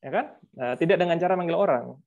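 A man's voice: on the high side, expressive, fast, vocal fry, darkish tone, muffled recording. A man, a researcher and author, explaining his views in a webinar discussion in a conversational way, with frequent fillers and rhetorical tags. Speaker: guest speaker, researcher and author. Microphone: video call microphone.

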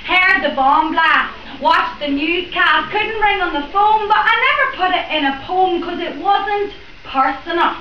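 In a library event room, a young Northern Irish poet delivers spoken word in a very high voice, unhurried and with few pauses. She's chatty and joking in her introduction and between the rhyming verses. A little hiss or hum sits under a roomy, distant, dull recording.

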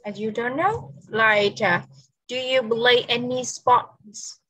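A woman with a somewhat high, husky voice teaches English over a video call. She goes patiently, saying each word slowly and often twice so it can be written down, and moves back and forth between Vietnamese and English. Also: fairly even intonation, pushed and bright, low-quality recording. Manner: patient, repeats words slowly for dictation. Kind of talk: online English lesson mixing Vietnamese and English.

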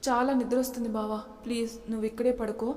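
A woman's voice: fairly high pitch, little pitch movement, quick pace, darkish tone, lightly acted. Woman reading a sweet, pleading young woman in a storybook; long room reverb. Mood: pleading playful. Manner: pleading, playful. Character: young woman, clingy and playful with her cousin.

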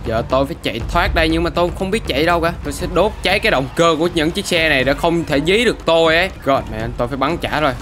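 Excitable gamer guy. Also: on the high side, rapid-fire, hardly any pauses, soft background music. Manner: excitable, bursts of English exclamations. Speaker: gaming YouTuber. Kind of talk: gameplay commentary.

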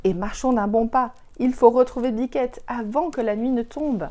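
A woman's voice: a little high, normal speed, warm tone, pitched above the performer's own voice, lightly acted. A woman reading the part of Heidi, a brave and cheerful young girl, in an encouraging storybook voice.

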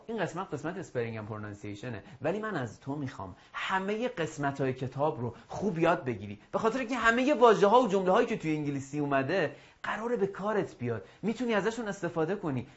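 A male English teacher giving a video lesson to schoolchildren, drilling phrases slowly and encouraging the class. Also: on the high side. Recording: dull lo-fi audio.

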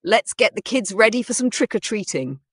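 Woman playing a pony mare mad scientist, teasing, scheming, raised pitch, storybook. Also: animated, moderate pace, husky, no echo, clean studio sound.

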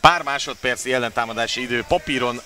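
A man's voice: medium pitch, bright, forceful tone. A man giving live water polo play-by-play commentary as a sports commentator. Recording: clear background noise of an outdoor venue.

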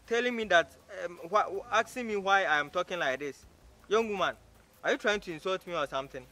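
An arrogant, scornful stranger in a short drama, his voice bright and forceful and sitting a bit high. He mocks and scolds in stammering, repetitive bursts. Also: brisk. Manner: scornful, mocking, repeats himself in stammering bursts. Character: rude, arrogant young man insulting a stranger. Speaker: actor in a short film. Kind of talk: short-film drama acting.

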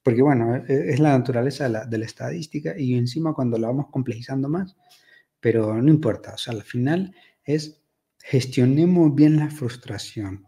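Guy with a husky mellow voice, just chatting, tells little stories and keeps asking right?. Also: medium pitch, normal speed. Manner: reflective, storytelling, frequent tag questions. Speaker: speaker giving advice. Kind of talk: casual monologue.

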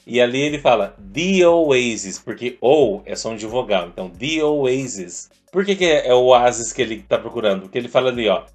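A man teaches English through a rock song, explaining each line patiently in a voice of ordinary pitch. Now and then he stretches lyric lines out slowly as he sings them. Faint music plays behind him. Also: animated. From Brazil.

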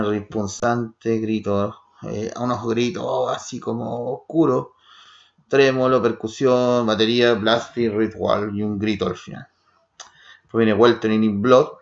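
A man from Chile with a Chilean Spanish accent reviews a metal album casually, firing off short descriptive fragments with frequent restarts. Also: mid-range voice. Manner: rattles off terse fragments while listening, with restarts. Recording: roomy, dull lo-fi home recording.

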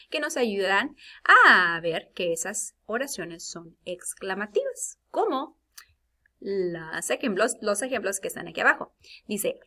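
A woman's voice: medium pitch, pushed and bright. A woman teacher talking students through a lesson and acting out example sentences with big, exclaimed readings. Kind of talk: recorded classroom lesson.

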